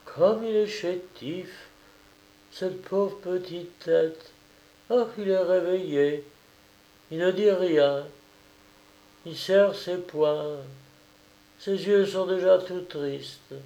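A man's voice: sits high, voice pushed up, poor audio. A man voicing a tender-hearted old-fashioned nanny. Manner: soft, tender and pitying. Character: devoted female nanny servant, kind-hearted. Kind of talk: audiobook character reading.

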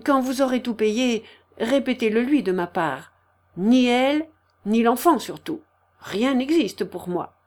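A woman voicing a jovial, hearty middle-aged man who talks in loud, laughing, cheerful chatter, read as an audiobook character. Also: fairly high pitch, animated, measured pace, pitched above the performer's own voice. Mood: bantering.

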